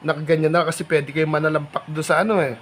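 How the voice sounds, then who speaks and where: A man vlogging in a polite, chatty way, halting with fillers, recorded outdoors at a rural home. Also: fairly high pitch, level tone, a bit bright. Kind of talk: casual vlog chat.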